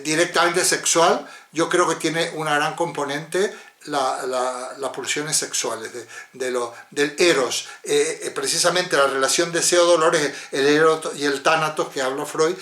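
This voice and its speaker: A man's voice: a little high, fairly bright tone. A man moderating a philosophy seminar over a video call, talking in a discursive way and often ending with tag questions. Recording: roomy echo.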